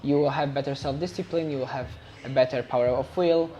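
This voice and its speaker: A man's voice: mid-range voice, fast, mellow, faint music behind. A Polish man with an accent, speaking English as a second language, talking eagerly as a guest on a casual podcast. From Poland. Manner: eager, emphatic, repeats words. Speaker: personal trainer, podcast guest.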